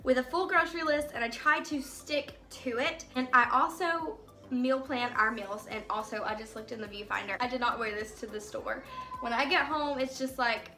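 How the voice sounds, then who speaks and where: A family vlogger, a young woman and mother, speaks at normal speed in a fairly high, sharp-toned voice. She chats casually and rambles a bit to the camera in her home kitchen during a grocery haul, with soft background music.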